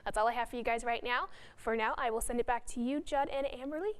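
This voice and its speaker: A woman's voice: on the high side, smooth. A woman, presenting the weather and co-hosting a local morning news show in an upbeat way. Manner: upbeat, fast-talking. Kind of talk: morning news and casual co-host chat.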